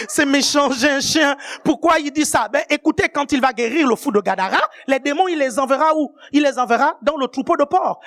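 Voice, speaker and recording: High-voiced emphatic woman preaching. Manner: emphatic, often checks that the congregation is following; rises to shouted emphasis on key points. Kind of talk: sermon.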